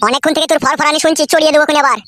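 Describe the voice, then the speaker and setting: A woman's voice: sits high, steady tone, rapid-fire, a bit bright, pitched below the performer's own voice. A woman voicing a foul-mouthed, defiant young village husband in a comedy cartoon. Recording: noisy recording.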